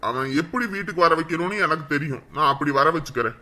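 Husband, firm reassuring manner, very bright tone. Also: male voice, a little high, animated, quick pace. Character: steady village husband calming his wife. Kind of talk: village web-series drama.

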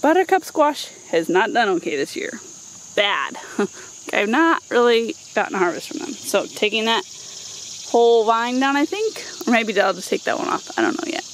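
A woman in her thirties, her voice on the high side and animated at a moderate pace, shows viewers around her backyard vegetable garden in a casual, playful vlog with informal asides. It was shot outdoors on a handheld camera mic, so the recording is low-quality with noticeable ambient noise.

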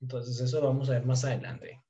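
A man teaching Turkish, slowly drilling question forms and explaining in quick, casual asides. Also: mid-range voice, level tone, dark tone, dull audio. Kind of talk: casual language lesson.

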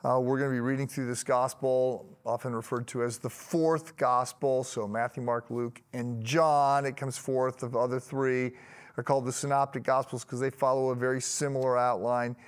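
An older man, a pastor in his sixties, giving an animated devotional talk to camera in a studio, often lifting his voice for emphasis. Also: normal speed. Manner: animated, gestures a lot, rises in pitch for emphasis. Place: studio with plain grey backdrop.

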